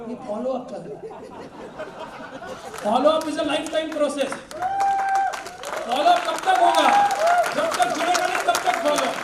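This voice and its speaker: A man giving an energetic, joking sales training talk who often laughs as he speaks and uses cricket analogies. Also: very high voice. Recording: echoey room, distant mic, faint noise.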